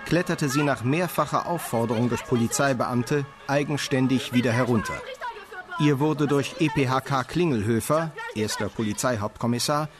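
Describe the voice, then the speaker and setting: A man's voice: medium pitch, normal speed, a crowd in the background. A man reading an official police report aloud in a dry, officious manner.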